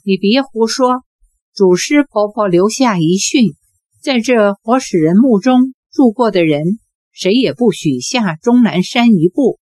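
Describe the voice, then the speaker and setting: A woman with a medium-pitched, darkish, breathy voice speaks in an animated yet unhurried way, with no echo. In an audiobook she voices a cold, aloof, sheltered eighteen-year-old woman whose manner is cool, curt, and dismissive.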